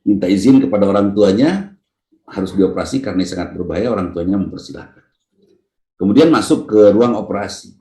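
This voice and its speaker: Male preacher, Sundanese accent, mellow tone, lively storytelling sermon, roomy echo. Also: a little fast. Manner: lively storytelling, jumps to a high voice to act out lines; addresses listeners by name. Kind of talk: Islamic study sermon.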